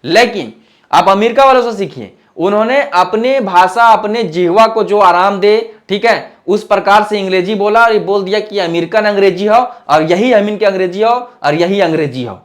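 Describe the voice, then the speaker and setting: A man teaches an exam-prep class in a fairly high voice. His delivery is conversational, and he often pauses to check that the students are following. He drops into local dialect whenever he gives an example.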